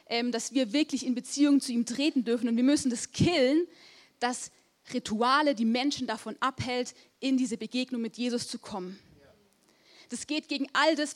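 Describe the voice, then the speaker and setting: Young woman giving a sermon, kinda high voice, earnest and punchy, super casual wording. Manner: earnest, emphatic, casual speech with repeated "hey". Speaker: preacher.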